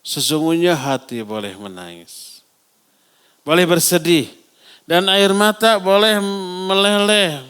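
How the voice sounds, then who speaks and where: A man with a Sundanese accent giving a sermon in a mosque, lively and constantly asking the congregation questions and answering them himself. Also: fairly high pitch, takes it slowly, pauses often, clean tone. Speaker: Islamic preacher.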